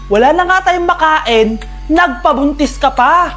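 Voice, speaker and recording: A woman playing a loud, gossipy, scolding mother with a Filipino accent in an exaggerated comedy skit. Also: high voice, animated, unhurried. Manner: exaggerated, nagging delivery. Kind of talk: acted short comedy skit. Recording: loud music under the voice.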